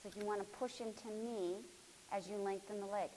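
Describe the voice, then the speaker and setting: A woman leads a floor movement class, coaching her students by name with steady encouragement. At times her voice drops close to a whisper. The recording carries a faint hiss and a long echo from a large hall. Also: medium pitch, brisk. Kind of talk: live class instruction. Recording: hissy recording in a reverberant hall.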